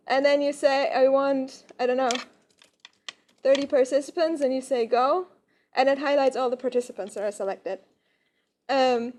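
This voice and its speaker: A woman speaking at a conference, giving an informal, rushed lightning talk with a software demo. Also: high voice.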